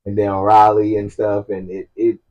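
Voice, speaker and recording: A man co-hosting a casual podcast chat, talking in a relaxed, rambling way, often repeating himself and restarting his sentences. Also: lowish voice, normal speed, lo-fi sound. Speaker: podcast co-host. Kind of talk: casual chat about TV shows.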